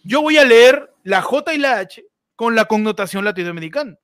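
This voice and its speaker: A man's voice: very high voice, lively intonation, moderate pace, fairly bright tone, dry recording, studio quality. A young Peruvian man co-hosting a livestream in casual banter, joking with playful wordplay. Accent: Peruvian Spanish. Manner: jokey, playful wordplay, repeats "mano". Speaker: livestream co-host.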